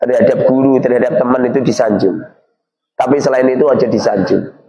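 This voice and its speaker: A man's voice: medium pitch, fairly quick, creaky, crowd noise, rough recording. A middle-aged man with a Javanese accent teaching a kitab class, reading Arabic phrases and explaining them with joking asides. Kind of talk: pesantren sermon with Arabic reading and translation. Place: pesantren hall with students.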